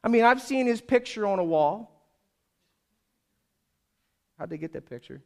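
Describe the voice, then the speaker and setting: A man preaching a sermon, telling a story and then rising into loud, urgent appeals before dropping into quiet prayer. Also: expressive, fast. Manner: storytelling preacher who builds to loud, high-pitched exhortation. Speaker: pastor. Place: church service.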